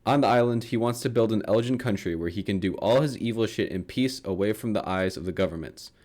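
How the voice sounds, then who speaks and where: A man's voice: fairly low pitch, fast, a little mellow. A young man narrating a comedic book summary in a sarcastic tone, swearing freely and laughing at his own lines.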